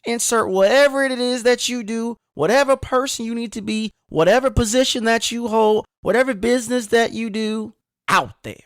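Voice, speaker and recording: A man hosting a podcast, giving an energetic, emphatic motivational monologue straight to the listener. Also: extremely high pitch, normal speed, clean tone, no room sound, studio quality. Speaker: podcast host.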